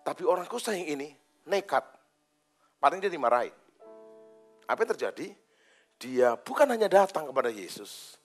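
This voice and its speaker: A man preaching a sermon as pastor, swinging dramatically between loud outbursts and hushed lines. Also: fairly high pitch, very animated, moderate pace, pauses often, soft background music. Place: church hall.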